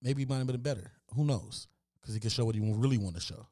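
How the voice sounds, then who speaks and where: A man co-hosting a podcast in casual chat, laying out facts in a relaxed, laid-back way. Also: mid-range voice, quick pace. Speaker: podcast co-host.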